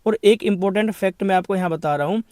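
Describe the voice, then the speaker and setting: A man with a high voice teaches an exam-prep grammar lesson. He poses questions and answers them himself, repeating each point. The recording is dry and close. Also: quick pace, a little mellow, dry recording. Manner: explains then repeats each point, asks and answers his own questions; addresses students as brother.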